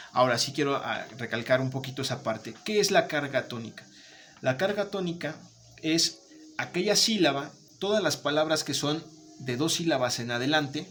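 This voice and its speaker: A man's voice: mid-range voice, fairly bright tone, a little hiss or hum. A man teaching a remote lesson, patient, checking in often with his students. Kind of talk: remote Spanish grammar lesson.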